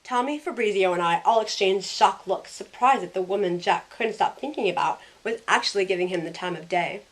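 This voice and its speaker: The recording is rough, but the young woman's natural, mid-range voice comes through at a fairly quick pace. She plays a wry, sassy, and loyal modern heroine, narrating her own first-person story as lead character and performing the dialogue in character.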